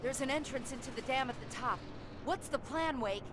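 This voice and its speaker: A woman's voice: sits high, normal speed, natural voice. An actress playing a tough, urgent female sheriff in a horror video game, with a commanding manner. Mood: watchful. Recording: loud noise of game action.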